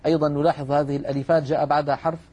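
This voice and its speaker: Patient recitation teacher, man, husky voice, a bit high. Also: flat delivery, darkish tone. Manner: measured, patient, repeats key points. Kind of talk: explanatory lesson.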